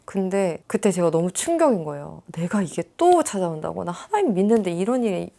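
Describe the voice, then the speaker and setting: Soft-spoken woman with a gravelly low voice. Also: brisk. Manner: calm, soft-spoken confessional. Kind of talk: candid personal testimony.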